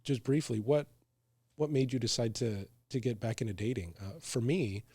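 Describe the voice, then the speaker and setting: A man's voice: medium pitch, normal speed, husky, no echo. A man co-hosting a casual podcast chat, talking frankly and often ending with "right?". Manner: frank, animated, tag questions "right?". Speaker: co-host.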